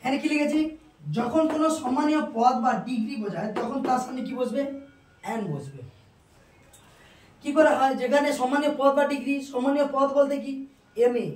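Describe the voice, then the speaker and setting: A teacher with a high voice explains grammar in classroom style, posing a question and then answering it, repeating each point. The sound is roomy and echoing, and the speaker stands some way from the mic. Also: expressive, brisk, long pauses. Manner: asks questions and answers them, repeats to drill. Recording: roomy echo, distant mic.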